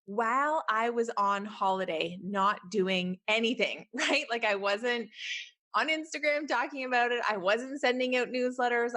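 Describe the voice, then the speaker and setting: A woman's voice: on the high side, fairly bright tone. A woman in her thirties with a Canadian accent, hosting a solo podcast in a chatty, encouraging way with many fillers. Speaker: podcast host.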